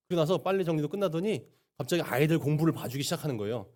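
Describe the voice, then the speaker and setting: 빠르게 말하는 설교하는 남성 목사. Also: male voice, fairly high pitch, a little mellow. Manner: storytelling with frequent affirming "네" and quick delivery. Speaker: pastor. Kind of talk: sermon. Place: church sanctuary.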